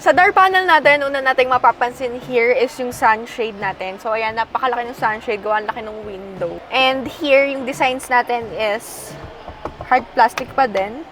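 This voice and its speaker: Chatty woman presenting a van, higher voice. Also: moderate pace, fairly bright tone, soft background music, rough recording. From Philippines. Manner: chatty, demonstrative, pointing out features one by one. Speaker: car review presenter. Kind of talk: casual car walkaround review. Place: inside a passenger van.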